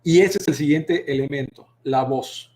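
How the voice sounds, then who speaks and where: A middle-aged man with a Mexican Spanish accent, teaching a public speaking masterclass and addressing viewers directly, varying his volume, pitch and pace on purpose as demonstration. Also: dark tone. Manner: deliberately varies volume, pitch and pace to demonstrate vocal technique. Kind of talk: live online masterclass.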